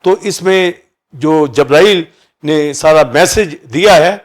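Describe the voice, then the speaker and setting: A pastor preaches a sermon, explaining key words by listing several meanings for each. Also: male voice, on the high side. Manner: teaching, repeats synonyms for each key word.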